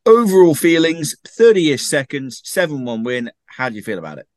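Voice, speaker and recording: A man's voice: a little high, big pitch swings, normal speed, dry recording, studio quality. A man hosting a casual football podcast, upbeat and jokey as he steers the chat, just back from being ill. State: just recovered from illness. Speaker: podcast host.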